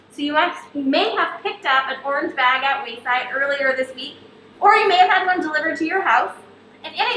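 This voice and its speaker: Hosting a live cooking show from an echoey kitchen with faint background noise, a woman speaks in a high, bright, forceful voice. She stays upbeat and addresses the viewers at home directly.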